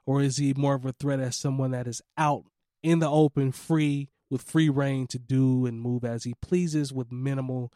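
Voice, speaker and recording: A man hosting a podcast in casual chat, a little hoarse from allergies, laid-back and laughing often. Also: medium pitch, fairly even intonation, normal speed, few pauses, mellow, dry recording, studio quality. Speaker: podcast host.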